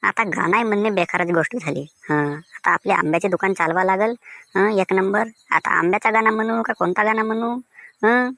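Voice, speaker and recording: A man's voice: sits high, normal speed, vocal fry, bright, forceful tone, no echo, heavily acted. A man voicing a defensive, grumbling village mango seller with a Vidarbha Marathi accent. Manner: sing-song, defensive, grumbling. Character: cheerful singing village mango seller Diwakar.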